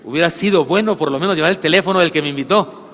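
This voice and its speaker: A middle-aged Mexican pastor preaching a sermon, telling funny personal stories in an animated way that builds to shouting. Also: male voice, fairly high pitch, racing, slight background noise. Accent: Mexican Spanish. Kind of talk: sermon with storytelling. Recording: long church hall reverb.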